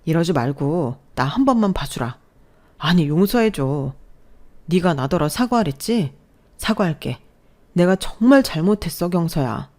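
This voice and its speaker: A woman's voice: on the low side, lively intonation, measured pace, darkish tone. A woman voicing a two-faced husband who pleads in a fawning, wheedling way. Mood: begging.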